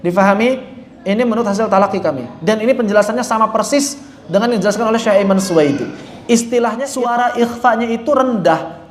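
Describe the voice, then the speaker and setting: A man teaching Quran recitation, correcting common mistakes and demonstrating right and wrong readings aloud. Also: very high voice. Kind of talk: tajwid lesson with recited examples. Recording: roomy echo.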